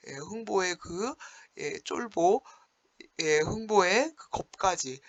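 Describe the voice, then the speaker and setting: A male teacher giving an online class lecture, retelling a story with animated exclamations. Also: high-pitched, takes it slowly.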